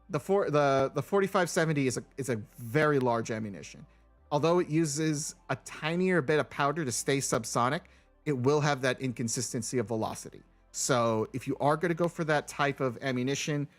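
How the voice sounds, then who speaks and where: A man chatting casually on a live stream, rambling with frequent restarts and reading replies to his viewers. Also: medium pitch. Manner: rambling, restarts often, answers chat.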